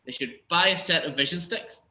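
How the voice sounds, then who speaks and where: A man's voice: a little high, a little fast, sharp tone, echoey room, a little hiss or hum. A man co-hosting a podcast, upbeat and steering the conversation. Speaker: podcast co-host. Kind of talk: casual podcast chat.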